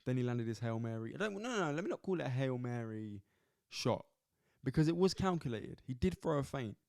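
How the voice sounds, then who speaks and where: A man's voice: mid-range voice, brisk, gravelly, dry recording. Man, podcast host, fight review, casual swearing, dry room sound. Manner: animated, swearing, restless with repeated words. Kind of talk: solo sports review commentary. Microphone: camera at close angle.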